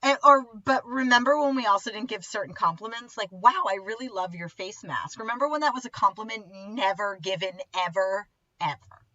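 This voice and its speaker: Bright, animated woman podcast host. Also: mid-range voice, brisk, no room sound, muffled recording. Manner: animated storyteller who acts out quoted lines and laughs often. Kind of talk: casual chat.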